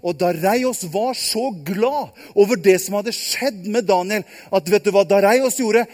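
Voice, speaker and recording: A man telling a Bible story live to children, lively and asking them questions. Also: high-pitched. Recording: long hall reverb.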